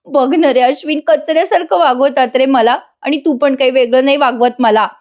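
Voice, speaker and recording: A woman's voice: high voice, moderate pace, darkish tone, lightly acted. A woman voicing a scheming young wife who pleads tearfully, in a serial retold as a story. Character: scheming young wife, sobbing to win sympathy.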